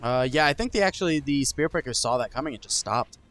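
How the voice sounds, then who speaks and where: A man's voice: mid-range voice, expressive, fast talker, a bit bright, faint music behind. A man giving casual play-by-play esports commentary, thinking aloud, hedging and correcting himself as he goes. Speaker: esports caster.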